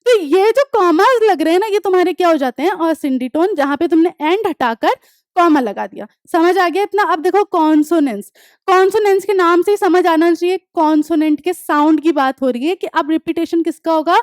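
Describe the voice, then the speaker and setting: A young woman teaching an English lesson online, explaining step by step, often checking that students follow, and reading examples slowly. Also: extremely high pitch, no room sound, clean studio sound. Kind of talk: online class lecture.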